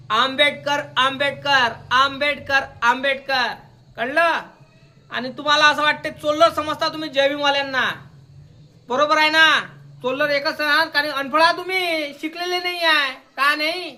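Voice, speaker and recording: A young man rants straight at his listener in a combative voice. His voice is strikingly high and piercingly bright. He keeps hammering his point and demanding that the listener understand him. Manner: combative, repeatedly demanding "got it?". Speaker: social media commentator. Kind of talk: confrontational video rant.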